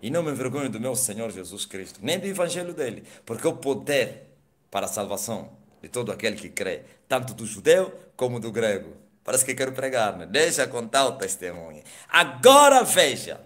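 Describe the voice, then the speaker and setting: A man, an apostle, telling his conversion testimony in preaching style, swinging from loud exclamations to hushed asides and dropping hallelujahs. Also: mid-range voice, big pitch swings, normal speed. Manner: peppers speech with hallelujahs and laughs.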